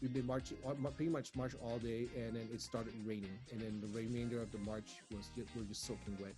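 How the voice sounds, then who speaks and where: A man from Singapore hosting a casual school talk show, chatty and relaxed, with plenty of uhs. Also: medium pitch, fast talker, over music.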